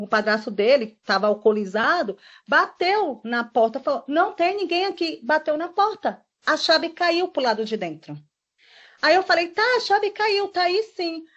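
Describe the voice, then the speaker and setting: A woman giving a witness statement, retelling events in an emotional, rushed way with quoted dialogue. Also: high voice, fairly bright tone. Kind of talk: recounting events in a formal statement. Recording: dull lo-fi recording.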